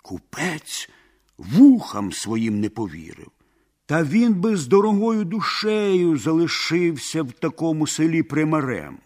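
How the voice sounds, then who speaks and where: Husky man reading a folk tale. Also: a little high, sing-song, measured pace, darkish tone. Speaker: storyteller.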